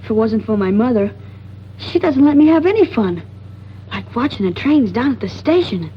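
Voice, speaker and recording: In a muffled 1940s radio thriller with music, an actress with a fairly high, expressive voice plays a chatty, restless young boy who dodges his strict mother. She's lightly acted and eager and gossipy, at a moderate pace, with a little hiss or hum on the recording.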